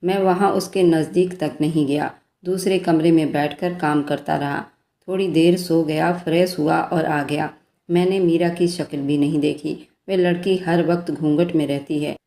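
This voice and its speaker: A man's voice: on the high side, steady tone, normal speed, creaky, mellow. A woman voicing a teasing, affectionate young husband in a romantic spoken story, coaxing and playful. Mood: defensive. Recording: roomy echo.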